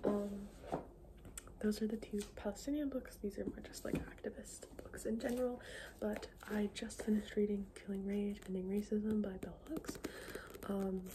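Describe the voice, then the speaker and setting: A woman speaks in a soft, fully unvoiced ASMR whisper at a medium pitch. Her delivery is informal and halting, like a casual book chat that often trails off. The recording carries clear background noise along with small clicking sounds. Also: level tone. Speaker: ASMR book video creator.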